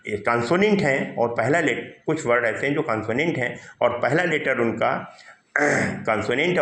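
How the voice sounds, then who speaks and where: A man teaching a grammar class with a mid-pitched voice that moves up and down a lot. He walks through each point step by step, putting questions to the students and answering them himself. The sound carries a noticeable room echo. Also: a bit bright. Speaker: English teacher. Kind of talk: classroom grammar lesson in Hindi. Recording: roomy echo.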